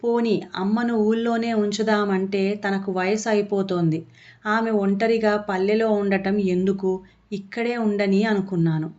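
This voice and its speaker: A woman's voice: mid-range voice, fairly even intonation, a little slow, darkish tone, close to an everyday voice. A woman voicing a firm, blunt young daughter-in-law in a storybook reading. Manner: blunt, cutting. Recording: dull lo-fi audio.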